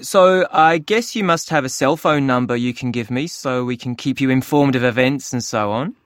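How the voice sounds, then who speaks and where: An actor playing a helpful receptionist who fills in a form, talking in a relaxed, chatty way in a scripted listening dialogue. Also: medium pitch, moderate pace, no room sound, studio quality, close to an everyday voice. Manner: relaxed, chatty, with fillers and small laughs. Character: helpful club staffer taking details. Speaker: club receptionist. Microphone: close studio mic.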